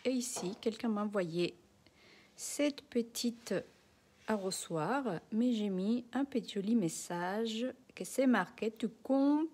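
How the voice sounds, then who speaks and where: A woman's voice: a little high, slow, mellow, husky. A woman with a non-native French accent hosting a live craft tutorial, chatting with her viewers as she shows each step. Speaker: craft demonstrator.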